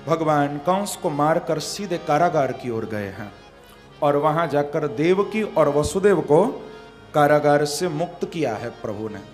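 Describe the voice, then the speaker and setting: Guy doing a bhagwat katha, pretty high voice, little tabla behind. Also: expressive, a little slow, a little mellow, faint music behind. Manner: dramatic storytelling, acting out voices in quotes. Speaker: kathavachak, Bhagavat storyteller. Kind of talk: devotional katha sermon with sung couplets.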